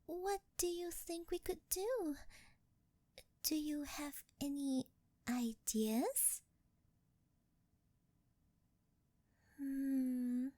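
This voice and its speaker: A young woman playing a sweet, shy, clingy angel turned succubus in an ASMR roleplay, speaking softly and breathily with a coy, halting, intimate delivery close to the mic. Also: sits high, steady tone, dry recording. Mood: shy coaxing. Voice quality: soft, breathy, girlish. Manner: coy, halting, intimate, often dropping into whispers. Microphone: close ASMR microphone, dry sound.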